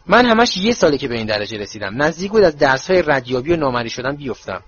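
A man's voice: medium pitch, big pitch swings, fairly bright tone, slightly rough, muffled recording. A man voicing a cheerful, clumsy young witch who is bubbly and boastful. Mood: chatty.

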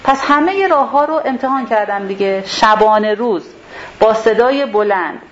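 A woman leading a religious class, explaining a verse step by step and rephrasing its terms. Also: a little high. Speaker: Quran teacher. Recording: dull lo-fi sound with faint hiss.

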